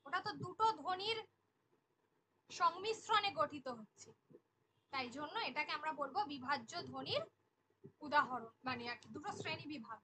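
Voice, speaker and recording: High-voiced woman teaching, repeating definitions. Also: lively intonation, normal speed, pauses often, pushed and bright, a little hiss or hum, rough recording. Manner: repeats key definitions, asks questions to the class. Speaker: Bengali teacher. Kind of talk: online exam-prep class.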